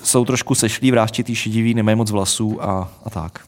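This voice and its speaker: A man co-hosting a casual podcast, explaining a mystery case in a wry, deadpan way. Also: lowish voice. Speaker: podcast co-host. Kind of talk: casual chat, storytelling.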